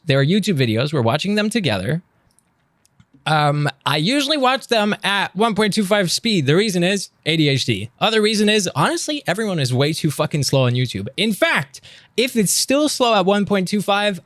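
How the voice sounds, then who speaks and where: A man chats on his live stream in a loose, self-mocking way and swears freely. His voice sits a bit high and moves around a lot. The sound is dry and close. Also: dry recording. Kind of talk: casual live stream chat.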